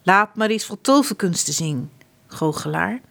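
A woman's voice: on the low side, lively intonation, a little slow, vocal fry, a bit bright, full character voice. A woman voicing a vain, greedy male prince in a whiny, pompous storybook voice.

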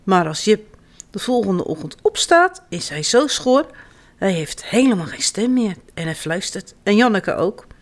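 A woman reading a children's story aloud in an animated, expressive way. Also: mid-range voice, a little slow.

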